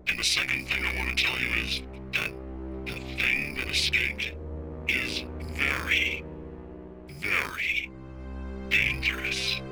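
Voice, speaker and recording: An actor playing an anonymous insider calling in by phone, his voice electronically altered to sound disguised and deep, giving slow, grave warnings in a gravelly half-whisper. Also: wildly swooping pitch, music in the background, exaggerated voice. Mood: ominous. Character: anonymous male insider, secretive and ominous. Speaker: anonymous lab employee calling in. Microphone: phone call into a broadcast.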